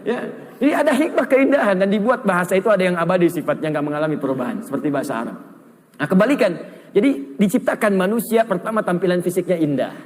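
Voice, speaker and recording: A man from Indonesia delivering a lively, humorous sermon as an Islamic preacher. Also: high voice, quick pace. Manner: lively, humorous, acts out snippets of foreign speech. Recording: hall reverb.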